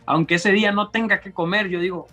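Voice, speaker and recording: A man's voice: high voice, fairly even intonation, fairly quick, sharp tone, soft background music. A young man, a youth leader giving earnest advice and telling his story as a guest, often repeating words as he restarts. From Honduras. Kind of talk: testimony and advice in an interview.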